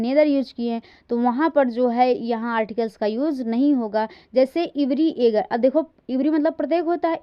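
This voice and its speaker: A woman teaching an English grammar lesson in a classroom lecture style. She reads example sentences slowly, stresses each word, and often checks in with her listeners. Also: a little high, muffled recording.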